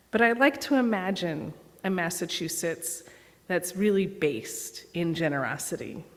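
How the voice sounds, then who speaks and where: A woman giving a sermon as guest preacher, telling stories and acting out dialogue in an animated way. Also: mid-range voice. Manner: animated storyteller, acts out dialogue. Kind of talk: sermon with storytelling. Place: church sanctuary. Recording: long church reverb.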